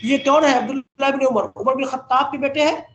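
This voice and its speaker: A man with a strikingly high voice leads an online lesson on a classical hadith text. He recites long Arabic narrator chains and then explains them plainly. He keeps pausing to ask his listeners what a point means before he answers it himself. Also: steady tone, a bit bright, dull audio, slight background noise. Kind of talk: religious lesson, reading Arabic and explaining in Urdu. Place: online class over a call.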